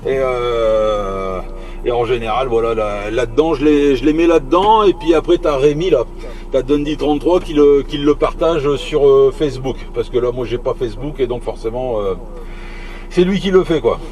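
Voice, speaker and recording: A man hosting a CB radio channel chats casually while driving, hesitant and often repeating himself. His mid-range voice has a darkish tone at normal speed. The recording picks up a noisy vehicle cabin on the road, along with CB radio ambience.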